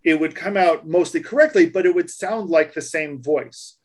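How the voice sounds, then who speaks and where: A man's voice: a little high, moderate pace. A man on a casual tech podcast, patiently explaining things and restarting his sentences. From United States. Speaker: co-host explaining voice tags.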